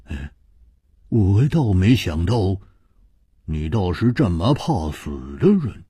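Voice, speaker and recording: A man voicing a boisterous, mocking swordsman who talks high, fast and teasing. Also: very animated, mellow, slightly rough, dry recording, studio quality, full character voice. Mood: sneering.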